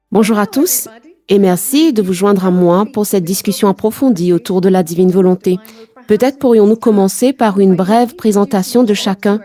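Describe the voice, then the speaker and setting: A woman hosting a panel conversation, speaking in a measured, earnest way. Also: medium pitch, warm tone. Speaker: host. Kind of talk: scripted introduction and moderating.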